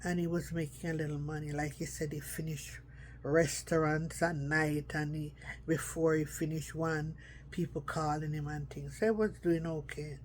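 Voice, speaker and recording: A woman's voice: low-pitched, fairly even intonation, moderate pace, a little hiss or hum. A middle-aged woman telling a personal story in a casual, rambling way, often circling back with "anyhow".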